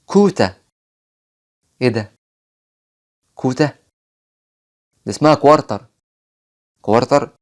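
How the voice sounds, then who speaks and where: A man's voice: medium pitch, a little mellow. Egyptian man teaching English sounds. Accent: Egyptian Arabic. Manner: patient, repeats example words slowly. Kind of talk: phonics lesson.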